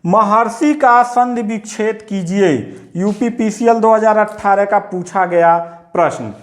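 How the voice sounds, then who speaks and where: A man's voice: sits high, measured pace. A male teacher giving an exam-prep grammar lesson, explaining step by step and repeating his own questions back to the listener.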